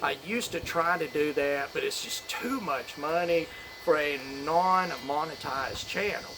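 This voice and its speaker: A man's voice: a little high, unhurried. A man talking casually to camera as a channel host, rambling and opinionated, in an informal way. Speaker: knife review channel host. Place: outdoors on a back porch in a storm. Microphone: phone camera. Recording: windy outdoor phone audio, storm noise.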